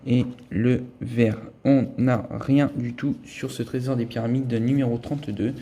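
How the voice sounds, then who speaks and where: A man's voice: mid-range voice, steady tone, unhurried, warm tone. A man giving a casual running commentary as he scratches lottery tickets, thinking aloud as he checks each symbol and letter. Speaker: scratch-card vlogger.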